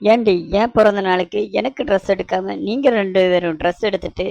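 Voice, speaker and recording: A woman's voice: mid-range voice, a little fast, creaky, darkish tone, no echo, lightly acted. A woman voicing a bewildered, grumbling young husband in a cartoon, complaining sarcastically. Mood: exasperated. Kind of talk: cartoon voice acting.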